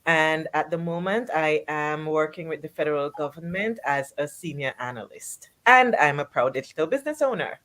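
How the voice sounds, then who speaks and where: A woman's voice: low-pitched, moderate pace, few pauses, a bit bright. A woman from Saint Vincent and the Grenadines introducing herself politely as a guest on a live online panel.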